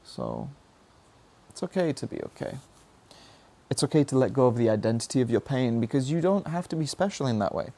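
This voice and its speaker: A young adult man's warm, mid-range voice swings widely in pitch, runs a little fast, and carries vocal fry and long pauses. Sharing personal reflections, he delivers an earnest, searching motivational monologue about his struggles, frequently questioning himself.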